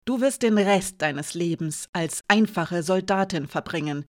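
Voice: medium pitch, a little slow, natural voice. An audiobook reader voicing a stern female commander who questions in a clipped, cold way. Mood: menacing. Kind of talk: audiobook character voice.

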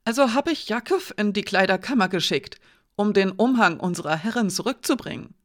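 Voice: medium pitch, expressive, brisk, fairly bright tone, voice pushed up, lightly acted. An audiobook reader voicing a nervous male servant who stammers and rambles as he pleads. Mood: pleading. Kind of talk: audiobook character voice.

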